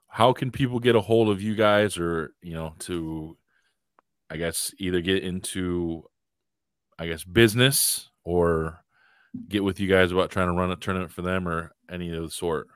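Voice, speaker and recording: A man hosting a podcast in casual chat, relaxed and steering the talk, with loose filler phrases. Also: low voice, moderate pace, clear, resonant tone, no room sound, studio quality. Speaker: podcast host.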